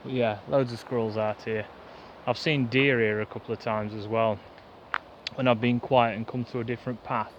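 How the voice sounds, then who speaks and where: A man chatting fast and rambling to the camera in a pine woodland, like a bushcraft vlogger. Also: mid-range voice, steady tone, a little hiss or hum. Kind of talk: casual rambling chat to camera. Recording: dull lo-fi outdoor recording, faint woodland ambience.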